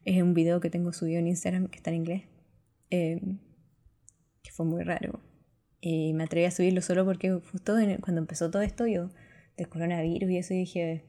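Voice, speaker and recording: A woman's voice: fairly low pitch, darkish tone. A woman chatting casually about her experiences as a channeler, rambling with frequent laughs and restarts. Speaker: spiritual channeler. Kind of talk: casual personal chat.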